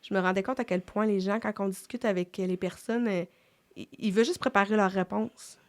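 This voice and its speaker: A woman's voice: mid-range voice, fairly even intonation, brisk. A middle-aged woman with a Québécois French accent, hosting a casual faith chat in a reflective way, with many fillers and restarts. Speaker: podcast host.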